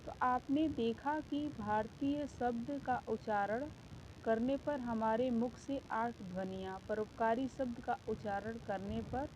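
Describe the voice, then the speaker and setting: A woman teacher giving a grammar lesson to schoolchildren, explaining patiently, counting out sounds and asking her class questions. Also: fairly high pitch. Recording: slightly dull lo-fi sound with faint background noise.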